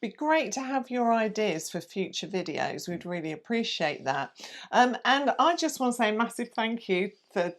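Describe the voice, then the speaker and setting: A woman co-hosting a casual chat to camera, talking in a relaxed way with frequent ums. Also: fairly high pitch, moderate pace. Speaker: co-host.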